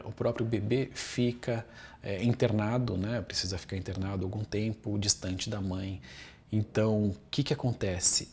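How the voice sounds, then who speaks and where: A man talks as a therapist, laying out his ideas one step at a time. His voice sits at an ordinary middle pitch. He keeps checking that the listener follows and repeats words to drive a point home. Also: darkish tone. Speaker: family constellation therapist. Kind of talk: explanatory talk to camera.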